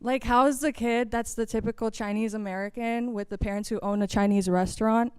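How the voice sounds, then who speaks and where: A woman's voice: fairly high pitch, steady tone, fairly quick, clear, resonant tone, dry recording, clean studio sound. A young woman doing a stand-up comedy set on a college stage, chatty and self-mocking, acting out other people's voices. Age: young adult.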